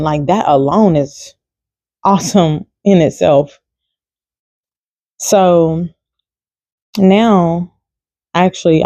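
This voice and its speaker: Woman vlogger talking faith, relaxed and conversational, warm timbre, dry recording. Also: low voice, no echo. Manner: chatty and informal, many fillers. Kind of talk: casual devotional talk to camera.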